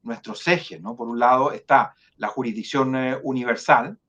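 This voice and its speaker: A man with a Chilean accent speaks as the guest of an online interview at a middling pitch. He is measured and hesitant, full of fillers and restarts. The call audio sounds a little dull and lo-fi. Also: a bit bright. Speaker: foundation director, guest.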